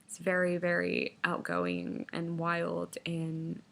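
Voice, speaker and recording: A woman's voice: on the low side, sing-song, takes it slowly, gravelly, a bit bright. A young woman with a twang spins a wild story straight to her viewers. Her talk is loose and unscripted, packed with "like" and the odd curse word. She sounds like she's chatting with friends over coffee. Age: 20s. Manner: chatty, lots of "like" fillers, swears freely. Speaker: vlogger. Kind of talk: casual storytelling to camera.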